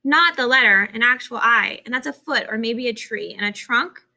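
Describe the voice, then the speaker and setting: Bright, gravelly woman narrating an audiobook. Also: a little high, moderate pace. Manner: steady, expressive storytelling. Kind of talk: scripted narration of a children's novel.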